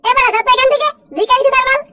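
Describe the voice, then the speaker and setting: A woman's voice: very high voice, steady tone, racing. A woman voicing a hot-tempered, boastful young village man in a cartoon, hurling coarse insults. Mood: defiant. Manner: shouting, coarse insults, bragging. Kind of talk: cartoon voice acting. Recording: clear background noise.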